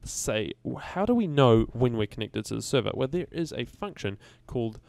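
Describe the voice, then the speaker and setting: A man talks through a game-coding tutorial in a loose, rambling way, often catching and correcting himself mid-sentence. His voice is gravelly yet clear and resonant. The sound is dry and close, with no room echo. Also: mid-range voice, big pitch swings, moderate pace, a little mellow. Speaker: game development tutorial host. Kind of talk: casual screen-recorded coding tutorial.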